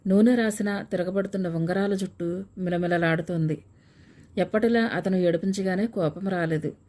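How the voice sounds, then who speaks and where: A woman narrating a story in a calm, steady reading voice. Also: on the low side. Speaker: audiobook narrator.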